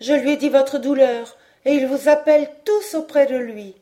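A young Atlantean woman from a storybook, her clear voice raised and pitched higher, as a woman narrator puts her on. She calls out with gentle urgency. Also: moderate pace, lightly acted. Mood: urgent, kind. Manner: clear and calling.

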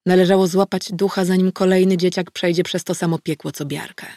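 A woman narrating an audiobook in the first person, in a steady storytelling manner. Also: lowish voice, fairly quick, no echo, clean studio sound.

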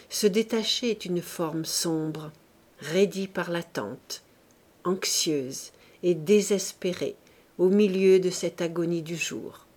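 A woman narrating a classic novel as an audiobook reader, in a measured, expressive reading. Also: mid-range voice. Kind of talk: scripted narration.

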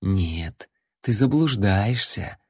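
Man playing a vampire princess, soft, slow, mocking, mysterious. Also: medium pitch, expressive, dry recording, clean studio sound, voice pushed up, close to an everyday voice.

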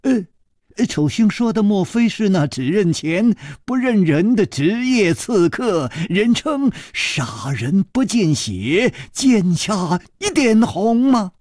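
A man's voice: high-pitched, sing-song, takes it slowly, a little mellow, no echo, clean studio sound, voice pushed up, heavily acted. A man voicing an earnest young male swordsman who frets and draws out his words with sighs. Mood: worried.

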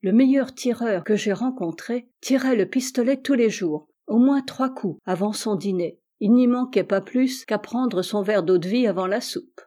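Mellow woman reading a classic story. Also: a little high, moderate pace, hardly any pauses. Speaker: audiobook reader. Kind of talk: literary audiobook narration.

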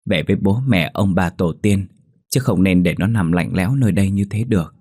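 A man voicing a gentle village man who coaxes a grieving old woman to rest. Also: sits low, brisk, slightly rough, dry recording, studio quality. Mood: soothing. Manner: soothing, coaxing.

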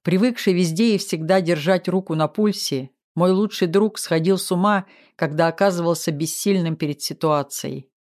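A man's voice: sits high, normal speed, hardly any pauses, darkish tone. A man steadily narrating a first-person audiobook.

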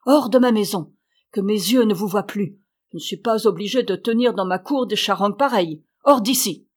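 A woman voicing a grumpy, miserly old man who shouts scornfully at his animals in an audiobook. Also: fairly high pitch, normal speed, natural voice. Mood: furious. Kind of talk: audiobook character voice.

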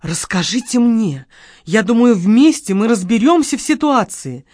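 A woman voicing a soft-spoken, ingratiating male store director who speaks smoothly and deferentially. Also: fairly high pitch, expressive, a little slow, dry recording, studio quality. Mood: placating.

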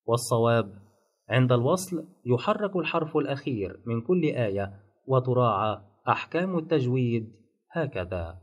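A man calmly narrating a lesson on Quran recitation rules, listing points one by one. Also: mid-range voice, breathy edge, muffled recording. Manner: measured, enumerating rules point by point. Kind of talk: scripted instructional narration.

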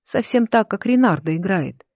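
An expressive narrator reads a fantasy novel aloud, keeping the telling lively. The voice sits at a middle pitch, and the close, dry recording has no room sound around it. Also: normal speed, dry recording. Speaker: audiobook narrator.

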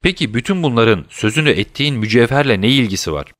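Bir erkeğin seslendirdiği alaycı, kindar bir kötü kont. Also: male voice, medium pitch, animated, quick pace, a bit bright, no room sound, studio quality, lightly acted. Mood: sneering. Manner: sneering, defiant. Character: scheming, hot-tempered male count villain. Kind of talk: audiobook character voice.

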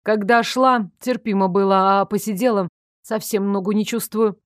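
A woman reading an audiobook voices a sharp-tongued, disapproving older female archivist who talks bluntly and scornfully. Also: medium pitch, fairly even intonation, moderate pace, no echo, clean studio sound, natural voice. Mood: pained.

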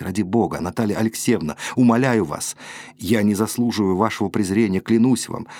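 A man voicing an eloquent, wavering young man who pleads earnestly and quietly. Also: lowish voice, no echo, clean studio sound, natural voice.

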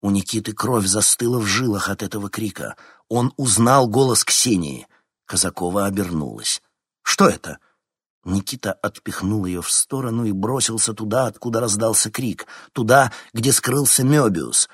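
A man narrating a fantasy audiobook in a steady, dramatic reading. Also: on the low side, moderate pace, slightly rough, no echo, studio quality. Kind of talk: scripted narration.

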